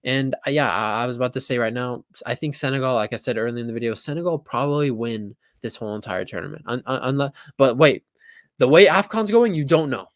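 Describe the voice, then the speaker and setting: A young man in casual, excited talk about a football match, acting out his reactions and swearing freely. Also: mid-range voice, fast, no room sound, studio quality. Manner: animated, swears, acts out reactions.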